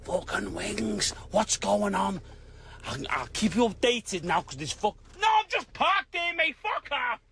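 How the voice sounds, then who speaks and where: A man's voice: high-pitched, sing-song, a little slow, gravelly, pushed and bright, a little hiss or hum, full character voice. A man playing a swearing conspiracy-nut caller from Liverpool. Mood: agitated conspiratorial. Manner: swearing, agitated, conspiratorial, keeps saying mate. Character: paranoid conspiracy-theorist male caller, blokey.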